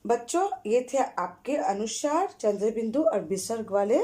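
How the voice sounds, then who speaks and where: A woman teacher giving an online lesson to children, pronouncing words slowly and carefully and reading short rhymes aloud twice. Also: fairly high pitch, lively intonation, mellow. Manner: slow, careful word-by-word pronunciation for children; reads rhymes aloud twice in a sing-song way. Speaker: school Hindi teacher.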